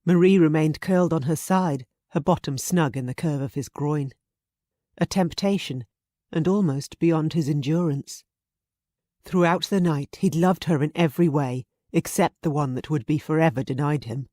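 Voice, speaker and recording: A woman narrating a romance audiobook in a smooth, even storytelling manner. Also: deep voice, normal speed, no echo, studio quality. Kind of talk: scripted narration.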